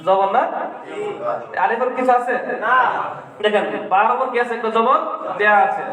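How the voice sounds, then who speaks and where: A high-pitched male teacher leads a Quran reading class and keeps asking his pupils questions that he answers himself. His voice rings through a large, echoey hall with a long reverb. He sounds as if he stands some distance from the microphone. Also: steady tone, normal speed, crowd noise. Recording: echoey hall, far from the mic.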